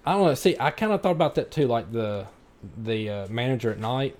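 A man's voice: mid-range voice, big pitch swings, fairly quick, a little mellow. A man, co-hosting a podcast in laid-back casual chat, asking questions and swearing now and then. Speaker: podcast co-host.

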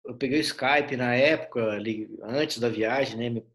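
Man, mid-pitched, host, chatty, lots of fillers. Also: moderate pace, a bit bright. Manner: rambling storyteller, many fillers. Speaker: interview host. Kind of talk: casual interview chat.

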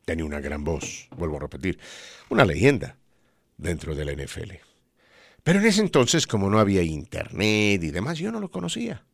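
A man's voice: sits low, huge pitch swings, normal speed, vocal fry, dry recording, clean studio sound. A man, a radio sportscaster, telling anecdotes on a podcast and often tagging his sentences with "¿no?". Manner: rambling anecdotes with frequent "¿no?" tags. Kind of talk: storytelling on a podcast.

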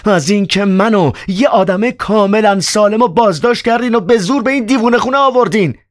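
A man voicing a furious 23-year-old male poet who shouts insults in a high, harsh voice. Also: lively intonation, breathy edge, no echo, studio quality.

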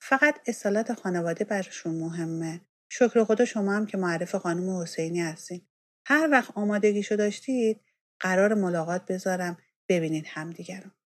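A woman doing a smooth-talking woman doctor. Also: on the low side, darkish tone, dry recording, clean studio sound, natural voice. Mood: coaxing.

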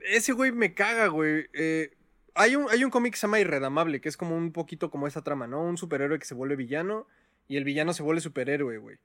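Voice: mid-range voice, fast talker, fairly bright tone. A Mexican speaker chatting casually with friends, slangy and opinionated, with lots of filler words. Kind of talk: casual chat among friends.

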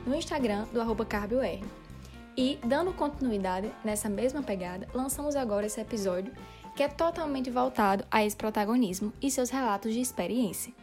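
A woman hosting a podcast, reading a clear, announcing intro. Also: fairly high pitch. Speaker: podcast host. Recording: music bed under the voice.

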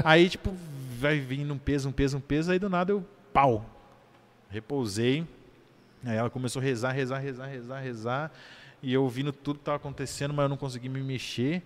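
A man with a Brazilian accent, a podcast guest, telling a personal story in an animated way and tagging his sentences with little checks to the listener. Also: medium pitch, fast. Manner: animated storyteller, keeps adding "né?".

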